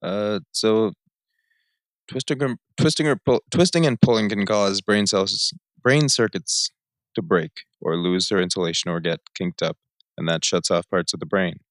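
A man's voice: deep voice, normal speed, no room sound. A man co-hosting a podcast, making dry teasing remarks and explaining things plainly. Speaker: podcast co-host. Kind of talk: casual chat.

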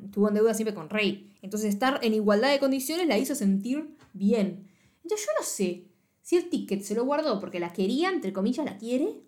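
A young woman with a Rioplatense Spanish accent co-hosting a podcast, talking casually about a film, blunt and sarcastic, swearing freely. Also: mid-range voice. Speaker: podcast co-host reviewing a film. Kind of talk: casual chat.

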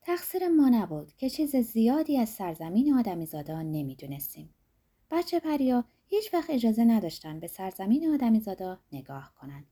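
A woman narrating a fairy tale in a soft, dreamy way, her sentences trailing off quietly. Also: fairly high pitch, very animated, husky. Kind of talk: storytelling narration.

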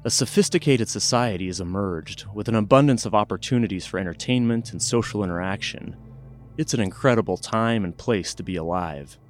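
A man narrating a scripted documentary story in a measured true crime narrator manner, speaking straight to the listener. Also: lowish voice. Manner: measured, addresses listener directly in present tense. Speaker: podcast narrator.

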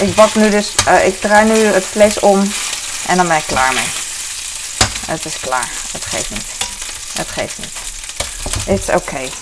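Chatty woman cooking in a noisy kitchen. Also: medium pitch. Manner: chatty, rambling, self-mocking with many fillers. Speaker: home cook vlogger. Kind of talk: casual cooking vlog chat. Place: home kitchen with sizzling pan. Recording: noisy home kitchen recording. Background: frying and sizzling sounds.

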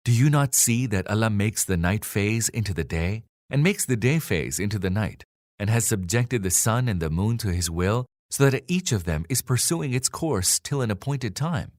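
A man reads a translated scripture in a measured, solemn delivery. His voice sits a little low. The recording is dry, with no room sound around him. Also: darkish tone, dry recording. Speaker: scripture reader.

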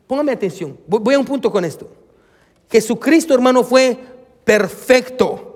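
A man's voice: extremely high pitch, lively intonation, moderate pace. A male pastor preaching a sermon emphatically, speaking straight to his congregation. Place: church. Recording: long reverb of a church hall.

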